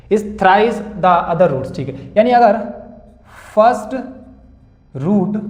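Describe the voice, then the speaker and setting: A man's voice: a little high, darkish tone. A young male maths teacher solving board-exam problems, calling students "beta" and "bhaiya" and asking and answering his own questions. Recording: echoey room.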